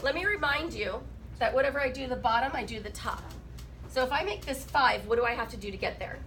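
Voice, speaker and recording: A woman's voice: on the high side, fast talker, fairly bright tone, a little hiss or hum, poor audio. A woman teaching a math class while sick. She asks her students questions and jokes with them. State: sick, rough voice. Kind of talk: classroom lesson.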